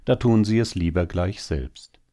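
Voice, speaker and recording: A consoling male hare, wry and gloomy, speaking with low, deep calm, as a man reads him. His dark, mellow voice soothes while his words carry quiet bitterness, a storybook animal in a sober tale. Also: a little slow. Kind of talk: storybook reading.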